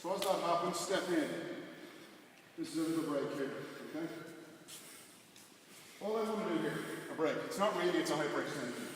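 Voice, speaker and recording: Male martial arts coach, casual explainer with clipped commands, recorded at a distance in a reverberant hall with clear background noise. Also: on the high side, brisk, long pauses. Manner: short, clipped instructions. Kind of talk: hands-on class demonstration with casual explanation. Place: large echoey indoor training hall. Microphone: distant camera microphone.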